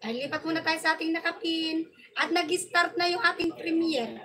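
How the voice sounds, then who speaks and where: Bright, high-voiced woman livestream host. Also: normal speed. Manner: chatty and playful, sing-song teasing. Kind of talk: casual livestream chat reading viewer comments.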